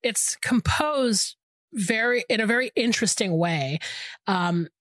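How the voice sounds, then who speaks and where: A woman's voice: medium pitch, animated, unhurried, fairly bright tone, dry recording. A woman co-hosting a film podcast, chatting informally and checking in with the listener. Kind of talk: casual conversational film discussion.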